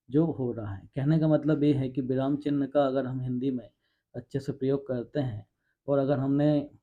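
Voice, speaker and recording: A man's voice: medium pitch, mellow. A man teaching a Hindi grammar coaching class, explaining step by step and reading out examples. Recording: dull lo-fi sound.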